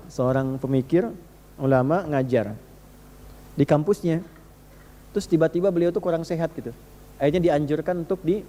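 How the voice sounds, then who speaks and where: Animated high-voiced male preacher, echoing hall. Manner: animated storytelling with wide pitch swings and rhetorical questions; switches into quoted voices and recites Arabic verses. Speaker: Islamic preacher. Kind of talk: sermon to a live congregation. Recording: long hall reverb with faint hum.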